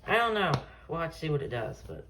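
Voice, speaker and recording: Very animated and quick, a man with a slightly high voice rambles offhand through an unscripted show-and-tell of his weather radio collection, trailing off at times. The recording is amateur and noisy, with radios in the background.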